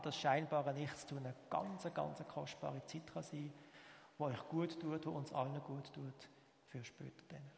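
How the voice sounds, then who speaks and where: Swiss German male pastor, fairly high voice, sermon delivery with emphatic swells and soft slow pauses, long hall reverb. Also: vocal fry.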